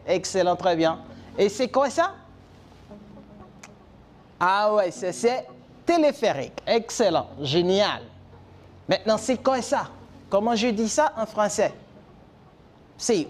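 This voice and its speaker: A male French teacher with a high voice leads a televised lesson, switching between French and Spanish while drilling vocabulary. He talks slowly with a lively, rising-and-falling melody and encourages every answer with praise.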